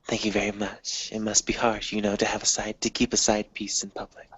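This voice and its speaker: A man voicing a hushed, murmuring second character. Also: lowish voice, monotone, brisk, slightly rough, pitched below the performer's own voice. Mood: smug. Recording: dull lo-fi, from off the mic.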